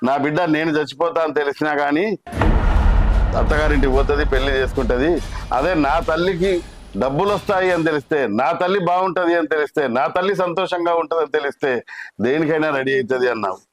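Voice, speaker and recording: A man's voice: fairly high pitch, fast talker, natural voice. A man playing a stern middle-aged uncle scolding his niece. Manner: stern, scolding, rhetorical questions. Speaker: maternal uncle.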